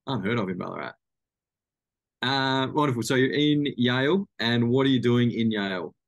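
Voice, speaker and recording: A man's voice: mid-range voice, moderate pace, no room sound, lo-fi sound. An Australian man co-hosting a podcast, asking questions in a jokey, bantering way. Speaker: podcast co-host. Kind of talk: casual podcast chat.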